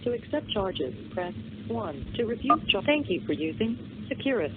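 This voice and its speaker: A woman's voice: medium pitch, very animated, moderate pace. Automated woman's prompt on a payphone call. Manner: scripted, announcing. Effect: recorded prompt on a prison payphone call. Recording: tinny phone line with loud noise.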